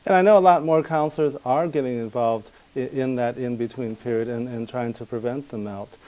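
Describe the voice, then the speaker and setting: A man interviews a guest in a webinar, asking polite questions that stop and restart. His voice is warm and mellow. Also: mid-range voice, rough recording. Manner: halting, polite, many restarts.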